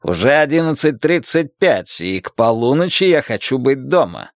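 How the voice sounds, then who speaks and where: Narrator voicing a menacing town boss, domineering, mocking, dry close sound. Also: male voice, medium pitch, big pitch swings, normal speed, no room sound. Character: menacing scheming middle-aged male town boss.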